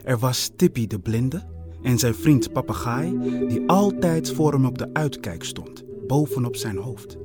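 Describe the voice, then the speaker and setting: Slow-telling male storyteller. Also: medium pitch, expressive, loud music behind the voice. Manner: slow, playful, wordplay-heavy. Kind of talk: storybook narration.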